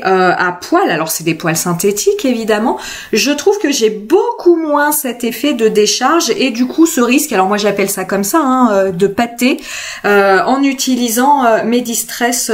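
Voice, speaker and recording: Bavarde femme française au ton un peu aigu. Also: female voice, a little high. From France. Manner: chatty, many hesitations, self-correcting. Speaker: craft video host. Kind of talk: casual craft tutorial voice-over.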